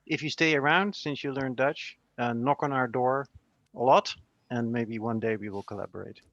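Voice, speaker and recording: A man's voice: mid-range voice, moderate pace, no room sound. A man on the committee congratulating a candidate over a video call, talking with many ums and restarts. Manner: warm praise with frequent ums and restarts. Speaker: committee member. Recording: muffled video call audio.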